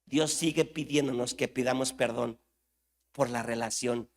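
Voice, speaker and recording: A man with a Mexican accent preaching a sermon in a church, impassioned, swinging from loud outbursts to hushed lines. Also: mid-range voice, fairly even intonation, a little slow. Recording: reverberant church hall.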